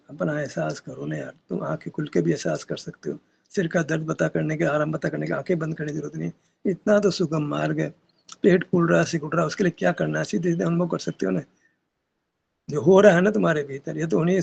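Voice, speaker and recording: A man gives a spiritual discourse at a meditation session, challenging his listeners with rhetorical questions and casual asides. His voice is heavily gravelly and husky and sits a little high. The recording is dull and lo-fi. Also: darkish tone. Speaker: spiritual teacher.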